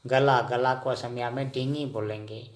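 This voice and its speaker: A man teaching vocabulary in a slow lesson, asking the listener each word and then repeating the answer. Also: mid-range voice, fairly even intonation. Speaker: language teacher.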